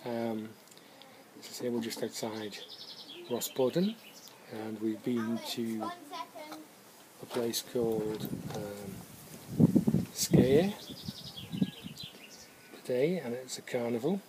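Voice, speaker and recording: A middle-aged man talks casually to a camera held at arm's length, relaxed and chatty, pausing with ums as he goes. He is outside in a garden, with birds and a faint hiss of background noise around him. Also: medium pitch. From England. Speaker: homebrew vlogger reviewing beer and cider. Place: garden outdoors on a sunny day.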